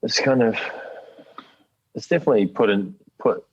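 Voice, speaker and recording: A man's voice: fairly low pitch, moderate pace, a little mellow, breathy edge. A man with a New Zealand accent chatting casually as an interview guest, slangy, matey and laid-back. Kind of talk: casual chat. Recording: dull lo-fi call audio.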